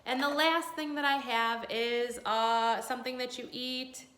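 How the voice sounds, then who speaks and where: Slow, bright woman teacher, kids show host style. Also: fairly high pitch, fairly even intonation, reverberant. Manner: encouraging sing-song teacher talk to young children, with pauses for answers. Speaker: early grade school teacher leading a remote morning class. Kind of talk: children's lesson, kids show host delivery. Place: indoors at a school.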